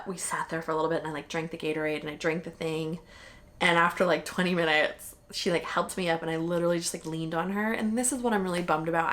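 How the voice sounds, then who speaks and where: Young woman vlogger, candid chatter, slightly low-pitched, talks freely. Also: a bit bright. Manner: candid and chatty, heavy with "like" and mild swearing. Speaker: vlogger recapping a marathon. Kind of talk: casual chat.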